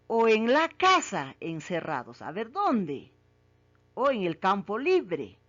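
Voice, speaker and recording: A woman's voice: mid-range voice, huge pitch swings, slow, fairly bright tone. A woman teacher asks children questions about a story, repeats each question, and then confirms the right answer. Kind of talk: reading comprehension quiz for children. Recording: muffled lo-fi recording.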